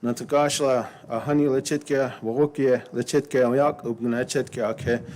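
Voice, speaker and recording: At a ceremony, a middle-pitched man whose first language is Lakota starts out hesitant, with lots of ums and pauses, before settling into a steady, rhythmic chanting prayer. The live stream has clear background noise.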